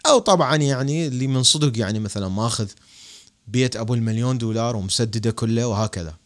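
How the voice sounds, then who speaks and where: A young man with an Iraqi Arabic accent hosting a casual podcast, talking about money in an animated, joking way with emphatic bursts. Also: mid-range voice, fast. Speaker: podcast host giving money advice.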